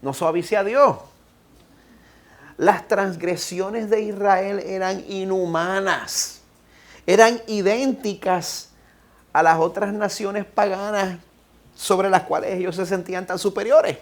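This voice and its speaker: A Puerto Rican-accented male pastor preaches a sermon in a slightly high voice. He reads scripture slowly and emphatically. Then he exhorts his listeners directly. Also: steady tone. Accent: Puerto Rican Spanish. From Puerto Rico. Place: church sanctuary.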